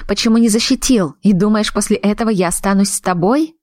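Lady playing a young wife pushing back, tense and higher, dry sound. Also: fairly quick, a little mellow, no echo, close to an everyday voice. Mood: defiant. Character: young wife, defiant and desperate.

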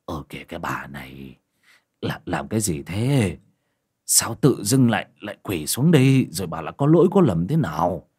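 A man's voice: low voice, big pitch swings, normal speed, dark tone, slightly rough, pitched below the performer's own voice, heavily acted. A man voicing an old village husband, stammering and agitated as he questions his wife. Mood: flustered.

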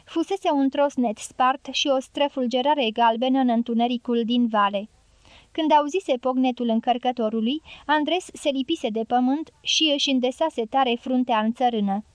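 A woman narrating a novel as an audiobook in a calm, measured reading. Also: high-pitched, dry recording. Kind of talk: scripted narration.

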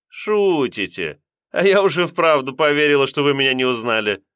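A man voicing a chatty, quick-talking middle-aged female bus conductress with a sing-song lilt. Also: mid-range voice, animated, a bit bright, clean tone, dry recording, clean studio sound, pitched above the performer's own voice, lightly acted. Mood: chatty, indignant.

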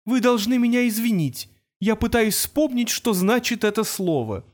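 A man's voice: extremely high pitch, expressive, pitched above the performer's own voice. Marvin, a man voicing a moaning ancient robot. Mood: mournful. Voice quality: creaky, grating. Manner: slow, moaning, self-pitying drawl. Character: ancient weary gloomy male robot. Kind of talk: audiobook character voice.

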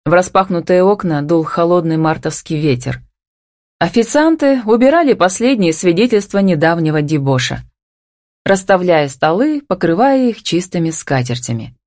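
Low-voiced woman reading an audiobook. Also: lively intonation, moderate pace, darkish tone, no echo, studio quality. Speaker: audiobook narrator. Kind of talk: scripted audiobook narration.

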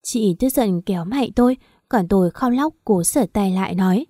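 A woman reads an audio story aloud in a steady, calm narration. Her voice is warm and mellow, at a middle pitch. The recording is dry with no room sound. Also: normal speed, no room sound.

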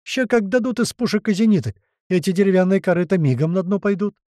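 A man voicing a mocking young man who loudly jeers at his crew in an audiobook. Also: high-pitched, lively intonation, fast, no echo, studio quality, pitched above the performer's own voice. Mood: jeering. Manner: loud, jeering and boastful.

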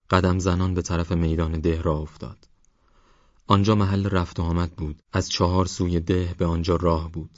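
Deep-voiced male audiobook narrator. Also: dry recording, muffled recording. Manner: steady, measured storytelling.

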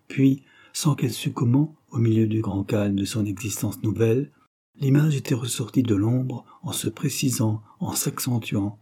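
A man narrating a classic novel in a measured, even manner. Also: lowish voice, breathy edge. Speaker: audiobook narrator. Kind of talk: scripted literary narration.

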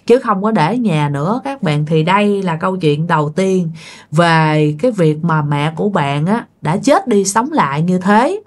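A woman with a Southern Vietnamese accent telling a ghost story at a middling pitch. She is chatty and talks straight to her listeners. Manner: chatty, addresses listeners directly.

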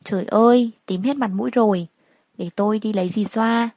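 Give me a kindly middle-aged housemaid who fusses and frets with warm sympathy, voiced by a woman storyteller. Her worry comes through in every line, and the sound is dry and close. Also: medium pitch, a little fast, dry recording, natural voice. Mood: worried. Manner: fussing, sympathetic.

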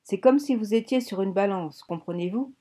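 A woman's voice: mid-range voice, moderate pace, dark tone, natural voice. A woman voicing an earnest, embarrassed German submarine bosun who explains things patiently, in an audiobook. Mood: explaining.

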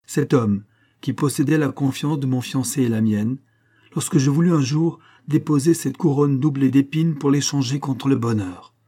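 Man doing a dignified young queen, raised pitch, firm, commanding, audiobook. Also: moderate pace, warm tone, husky, natural voice. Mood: indignant. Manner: firm, indignant, demanding.

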